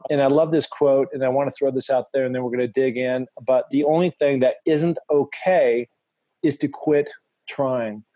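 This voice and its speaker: A man's voice: medium pitch, dark tone, no room sound. A middle-aged man hosting his podcast from a home studio, upbeat and enthusiastic, often restarting his sentences. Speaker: podcast host. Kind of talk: casual podcast talk.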